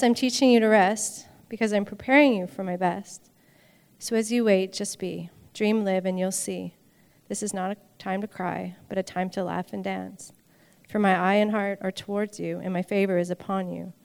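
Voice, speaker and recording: A woman in a church gently and earnestly sharing a prophetic word with someone. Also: mid-range voice, gravelly. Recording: reverberant hall, off-mic.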